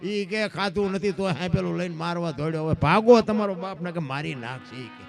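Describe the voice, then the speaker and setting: A man's voice: a little fast, vocal fry, soft background music. A man telling a folk tale in dayro style, acting out each character's lines. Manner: animated, acts out characters' lines with shifting pitch. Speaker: folk storyteller. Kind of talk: Gujarati folk dayro storytelling.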